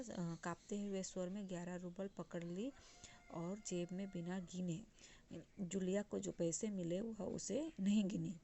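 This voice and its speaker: A woman teacher walks through a Hindi textbook chapter and paraphrases each passage. She speaks slowly, with a mellow, soft tone. She pauses often on fillers as she restates the text. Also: on the low side.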